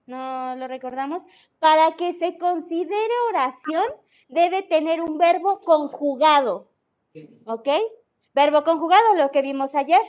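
A woman's voice: sits high, unhurried, darkish tone, lo-fi sound. A woman teacher with a Mexican Spanish accent, explaining patiently in an online class and checking that students follow. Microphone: video call.

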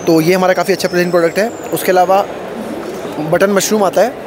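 A man's voice: sits high, fairly even intonation, brisk. A man in his thirties representing a food company, explaining products in a trade fair interview into a handheld mic. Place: busy indoor expo stall. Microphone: handheld mic held by interviewer. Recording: noisy expo hall.

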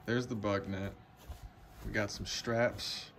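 A young man casually walking through his camping gear in a home basement, talking to a handheld phone camera in a relaxed, chatty way. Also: lowish voice, slow, a little hiss or hum. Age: young adult. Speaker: outdoor gear vlogger. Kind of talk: casual vlog walkthrough. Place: home basement room, indoors. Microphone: phone camera held close.

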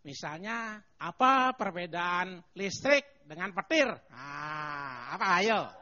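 Older guy doing lively stand-up on a tv stage, bright edgy voice, dull lo-fi sound. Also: high voice, slow, slight background noise. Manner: animated, chanting mock announcements in a raised voice. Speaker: guest stand-up comedian. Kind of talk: stand-up comedy routine. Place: TV studio stage with live audience. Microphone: handheld mic on stand. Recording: dull lo-fi TV broadcast.

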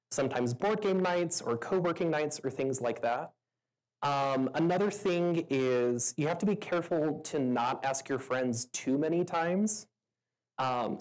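There's a rumbling lowness and a darkish tone to this woman's voice, heard through a rough recording. At a meetup, she stands on stage before an audience and answers their questions conversationally, peppering her speech with fillers and often laughing.

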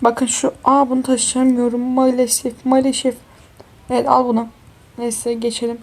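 A woman's voice: a little high, flat delivery, normal speed. A tired young woman chatting casually through a life-sim game, exclaiming and talking to her viewers as friends. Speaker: gaming YouTuber. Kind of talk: casual game walkthrough commentary.

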